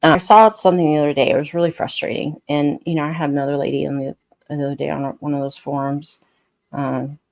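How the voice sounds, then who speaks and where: Gravelly-voiced woman dog trainer, blunt. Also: low voice, steady tone, fast talker, darkish tone, no room sound. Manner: blunt and frustrated, rambling with restarts. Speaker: scent work dog trainer. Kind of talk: casual unscripted talk to camera.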